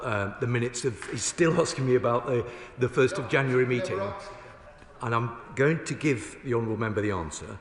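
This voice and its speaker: Man, government minister, parliamentary debate, combative formal rhetoric, emphatic phrasing, mid-range pitch, strong room echo. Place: large indoor parliamentary chamber. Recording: echoey, reverberant large chamber.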